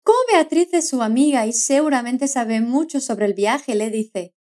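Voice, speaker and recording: A woman teaching a language lesson, modelling words slowly and clearly with encouraging prompts to repeat. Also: fairly high pitch, mellow. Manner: slow, carefully modelled repetitions with encouraging prompts. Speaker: Spanish pronunciation teacher. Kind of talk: scripted language lesson narration.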